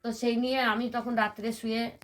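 Speaking in a slightly high, flat and brisk voice, an older temple devotee from West Bengal, India, shares her own story during an interview. She is earnest and detailed, frequently quoting what others said.

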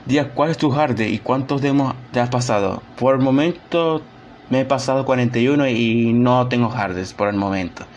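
A man's voice: mid-range voice, moderate pace, background noise. A young man streaming a game, chatting casually, mocking himself and groaning and sighing as he plays. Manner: chatty, self-mocking, groans and sighs while playing. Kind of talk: casual live-stream gameplay chat.

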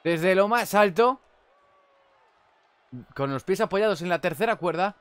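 A young man with a Spanish accent commentating on a wrestling video game. He chats casually and shouts at big moves. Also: sits high, animated, a little slow, clean tone, no room sound. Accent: Spain Spanish. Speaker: gameplay commentator.

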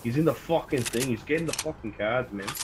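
Man, profane gamer chatter, loud trash talk, heavy gunfire and game noise behind, mid-pitched voice. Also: fast talker. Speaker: game streamer. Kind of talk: casual gameplay chat. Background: loud gunfire and vehicle sounds from the game.

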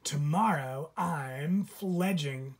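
A man reading a storybook aloud and voicing an excitable little baby chickadee, eager and proud. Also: a little high, very slow, slightly rough, exaggerated voice. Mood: excited.

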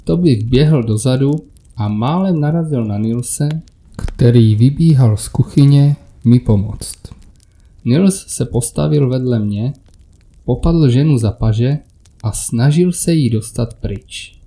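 A man narrating a first-person horror story in a measured, scripted storytelling delivery. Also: mid-range voice, mellow.

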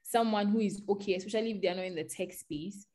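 A woman's voice: mid-range voice, fast talker, warm tone. A woman speaking as a guest on an online tech panel, giving earnest advice and often restarting her sentences.

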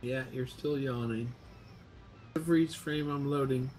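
A man streaming from his home computer, talking in a halting, muttered running commentary as his video call keeps freezing, mildly frustrated and swearing now and then. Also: mid-range voice, steady tone, darkish tone, slight background noise. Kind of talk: casual live-stream chat.

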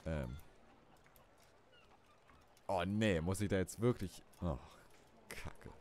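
A man's voice: sits low, animated, takes it slowly, darkish tone, slight background noise. A man commenting casually on his own gameplay, chatty and self-mocking, swearing now and then. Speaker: let's play host.

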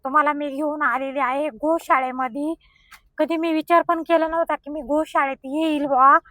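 A woman's voice: sits high, steady tone, moderate pace, pushed and bright, no room sound. A middle-aged woman, vlogging casually from an outdoor cow shelter and coaxing the cows in a sing-song voice. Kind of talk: casual vlog narration.

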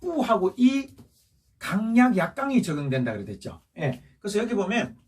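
Patient man teaching, lively and husky. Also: sits high, normal speed, far from the mic. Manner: patient, repeats points with rising check-in questions. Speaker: Chinese language teacher. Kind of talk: recorded classroom lesson for seniors.

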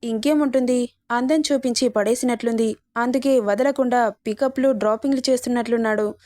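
Lady reading as nosy neighbor aunties, snide and sneering, voice sits a bit high, dry close sound. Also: steady tone, fairly quick, darkish tone, no echo, close to an everyday voice. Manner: sneering, insinuating. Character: gossiping middle-aged neighbor women, snide.

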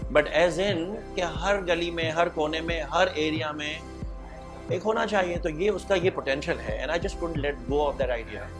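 A middle-aged man from Pakistan talks fast and with energy, his voice sitting a bit high for a man. He switches freely between Hindi-Urdu and English, with faint music underneath. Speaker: cafe owner. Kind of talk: sit-down interview. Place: indoor studio set with dark wall.

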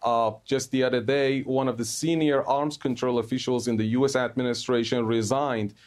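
A middle-aged man from Iran with a Persian accent, giving halting analysis in a live news interview. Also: medium pitch, steady tone, darkish tone.

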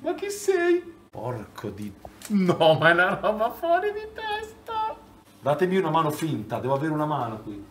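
A man reacting loudly to a virtual reality game, swearing and shouting in excitement. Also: a little high, normal speed, recorded from a distance, slight background noise. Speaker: presenter playing a VR game. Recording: echoey room, voice off-mic.

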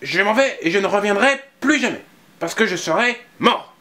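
A man's voice: high voice, lively intonation, normal speed, bright, forceful tone, voice pushed up. A man voicing a small, stubborn boy who sulks and plays dead theatrically. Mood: sulky. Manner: sulky, indignant, theatrical.

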